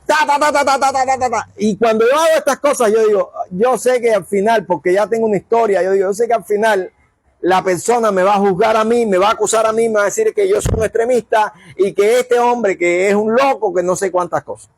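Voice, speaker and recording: A man's voice: sits high, fairly quick, no room sound. A man preaching a sermon, telling stories and acting out the dialogue. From Cuba. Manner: animated storyteller acting out dialogue. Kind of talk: sermon storytelling.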